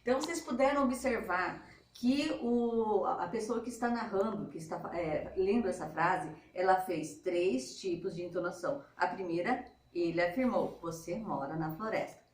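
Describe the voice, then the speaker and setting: A woman's voice: medium pitch, lively intonation, moderate pace, hardly any pauses, slight background noise. A woman teacher giving a patient, step-by-step lesson to schoolchildren. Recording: echoey room, mic at a distance.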